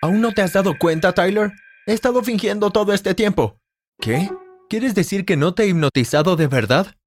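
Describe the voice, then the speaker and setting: Guy doing stern dad, scolding his kid, a bit high, music in the back. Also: expressive, normal speed. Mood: reproachful. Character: indulgent father who turns stern, middle-aged man.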